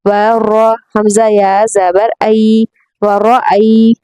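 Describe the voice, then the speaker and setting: A woman teaching tajweed, patiently explaining the rules and spelling out Arabic syllables in a drawn-out recitation. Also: medium pitch, level tone, mellow, clean tone, dry recording, low-quality recording. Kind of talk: tajweed lesson, spelling out letters and reciting slowly.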